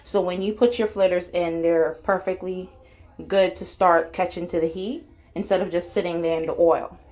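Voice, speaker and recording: Antiguan woman with a lowish voice. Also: steady tone, moderate pace, a little mellow. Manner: informal, chatty, instructional. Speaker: cooking channel host. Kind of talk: casual cooking tutorial voice-over.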